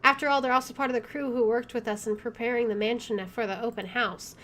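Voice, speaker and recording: A video game let's player with a fairly high, slightly bright voice talks fast with fairly even intonation. Her playthrough commentary is playful and wisecracking, and she reads the game text aloud.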